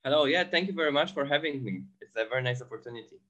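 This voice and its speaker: In dull-sounding audio, a guest entrepreneur from Poland whose first language is Polish fields interview questions in English, frequently restarting and using fillers. He talks rapid-fire in an expressive, medium-pitched voice with a somewhat bright tone.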